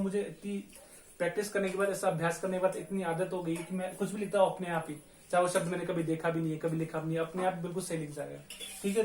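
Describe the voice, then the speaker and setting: A man from India teaching a Spanish lesson, who patiently repeats words slowly to drill pronunciation. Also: on the high side. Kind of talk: online language lesson. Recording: echoey room, faint noise.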